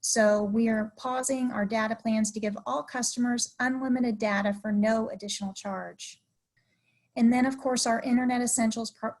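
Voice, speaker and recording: A woman presents an award at a ceremony, reading prepared remarks in an upbeat way. Her voice sits a little high. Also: a little mellow, low-quality recording.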